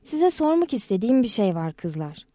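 Woman voicing a kind gentle man, audiobook, soft and reassuring, dark mellow tone, dry sound. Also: mid-range voice, sing-song, moderate pace, dry recording, natural voice. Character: kind gentle adult man, caring foster helper.

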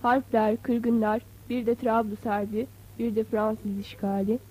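A woman narrating a novel as an audiobook, in a measured, expressive reading. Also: fairly high pitch, slightly rough. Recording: dull, slightly lo-fi.

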